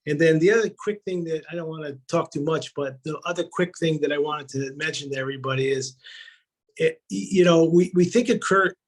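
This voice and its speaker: A man sharing a fond memory in casual storytelling on a video call, animated and acting out his quotes. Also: on the high side, brisk, rough recording. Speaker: community member sharing memories.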